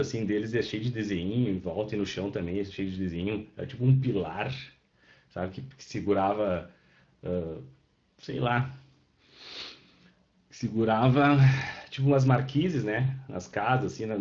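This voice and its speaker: With a lowish, darkish voice, this man leads an online Portuguese class lecture, explaining things step by step. He often confirms students are keeping up and replies to them by name; the recording sounds roomy, dull and lo-fi.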